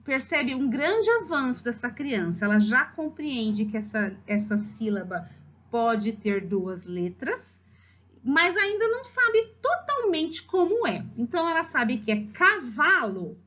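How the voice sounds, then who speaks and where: A woman teacher with a Brazilian accent guides parents through a literacy lesson. Her voice sits a little high and moves a lot in pitch, and she draws words out slowly syllable by syllable. The recording is a bit muffled and lo-fi. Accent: Brazilian Portuguese. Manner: lively, drawn-out slow spelling of syllables. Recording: slightly dull lo-fi recording.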